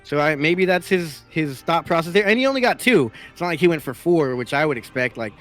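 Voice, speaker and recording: A man with a fairly high, bright and forceful voice gives esports commentary. He talks in a casual, bantering way with faint music behind him. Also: expressive, brisk.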